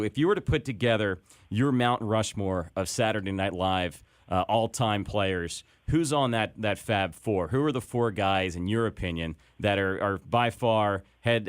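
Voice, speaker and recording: Low-voiced male radio host. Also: no echo, clean studio sound. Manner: plain, conversational, reads promos. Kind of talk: radio interview.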